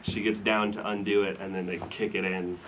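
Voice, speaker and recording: A man's voice: sits low, brisk, background noise. Laid-back young man at a film Q&A. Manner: relaxed, rambling, laughs often. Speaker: filmmaker at a screening Q&A. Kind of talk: casual Q&A chat. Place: screening room with an audience.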